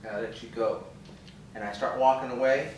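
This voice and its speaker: A man's voice: mid-range voice, fairly even intonation, fairly quick, background noise. A man playing a tabletop game, talking in a playful way and laughing often. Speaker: player. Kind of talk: tabletop role-play chat. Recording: echoey room from far off.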